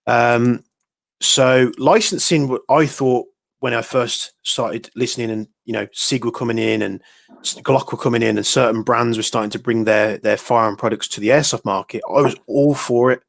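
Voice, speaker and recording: A man's voice: medium pitch, fairly even intonation, normal speed, gravelly, no room sound, studio quality. A man hosting a casual airsoft talk show, telling stories with lots of fillers and restarts. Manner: rambling, filler-heavy storytelling. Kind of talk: casual podcast chat.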